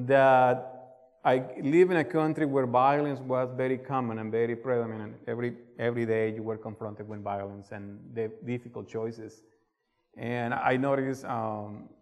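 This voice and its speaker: Reading scripture and preaching a sermon, a Colombian man with a Colombian Spanish accent earnestly puts questions to his listeners. His voice is medium-pitched and a little mellow, and the recording carries a long hall reverb.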